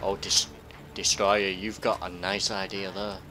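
A man's voice: low-pitched, little pitch movement, unhurried, loud music behind the voice. A man chatting over in-game voice while playing a shooter, joking, trash-talking and breaking into silly singing. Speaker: gamer doing in-game voice chat. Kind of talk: casual game chat.

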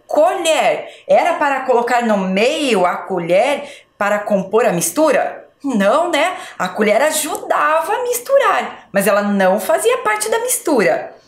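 A woman teacher slowly sounding out syllables and letters for young children in a spelling lesson. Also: high-pitched. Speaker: schoolteacher. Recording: echoey room.

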